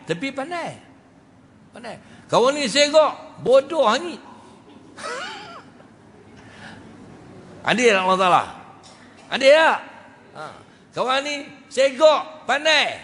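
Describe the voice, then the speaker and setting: A man with a Kedah Malay accent giving a mosque lecture, lively and joking, often asking his audience questions. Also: sits high. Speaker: religious teacher. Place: mosque hall. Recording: reverberant mosque hall, faint noise.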